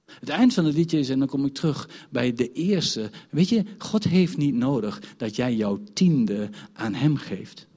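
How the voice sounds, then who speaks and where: A man's voice: mid-range voice, animated, a little slow, mellow, husky, big-room sound. A man preaching a sermon, telling a story from his childhood and building to emphatic points.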